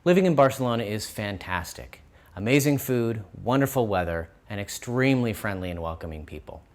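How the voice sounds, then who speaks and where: A man's voice: on the low side, animated, brisk, a little mellow. A man hosting his travel vlog, narrating in an upbeat, friendly storytelling way with light self-deprecating humor. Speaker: host.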